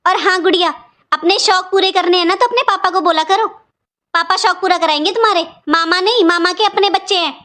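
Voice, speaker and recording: A woman voicing a harsh, stingy aunt in a cartoon, scolding in a sharp-tongued way. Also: extremely high pitch, a little fast. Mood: complaining. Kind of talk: cartoon voice acting.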